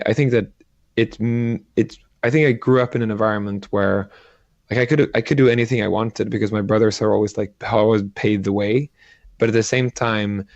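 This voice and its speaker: Gravelly low-voiced man, halting. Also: darkish tone, dry recording, highs cut off. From Sweden. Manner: halting, restarts often, many "like" fillers. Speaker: guest entrepreneur. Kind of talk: casual interview talk.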